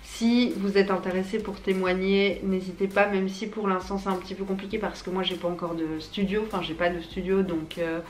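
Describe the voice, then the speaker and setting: A woman's voice: medium pitch, steady tone, fairly quick, few pauses. Young woman w braces, slangy chatty vlog talk, echoey room w a bit of noise. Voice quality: speaks with dental braces. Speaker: YouTuber and small business owner. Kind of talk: casual unscripted chat to viewers.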